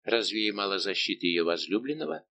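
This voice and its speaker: A man's voice: on the low side, animated, fairly quick, vocal fry, pushed and bright, heavily acted. A male reader voicing a young lady-in-waiting who teases and asks mocking, pointed questions, in an audiobook. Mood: teasing. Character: young female lady-in-waiting, teasing and sharp.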